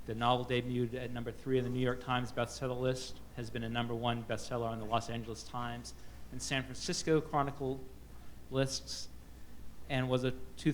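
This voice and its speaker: Moderating a book festival panel, a man reads out author introductions, halting constantly with fillers and restarts. His pitch is medium, and there's a little background noise.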